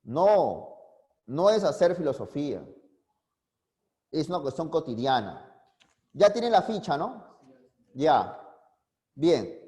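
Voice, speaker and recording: Animated, high-pitched male teacher. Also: slow pace, long pauses. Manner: questions students constantly, coaxing answers. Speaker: philosophy teacher. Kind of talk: online class lecture. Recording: long reverb, echoey room.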